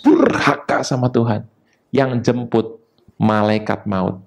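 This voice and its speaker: A man preaching a sermon, talking in a lively way with sudden high emphatic rises and quick asides. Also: gravelly. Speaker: pastor.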